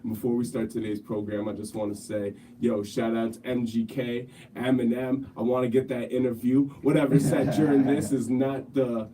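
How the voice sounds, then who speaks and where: A man's voice: medium pitch, flat delivery, normal speed, few pauses. Brash guy bantering on a podcast, lots of slang and swearing, bit far from the mic with some noise. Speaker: podcast co-host. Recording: noisy room, off the mic.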